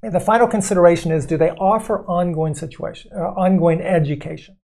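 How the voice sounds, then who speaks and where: A man co-hosting a podcast, giving measured explanations in a conversational way and sometimes acting out what callers say. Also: sits high, steady tone, gravelly, darkish tone. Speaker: podcast co-host explaining investing.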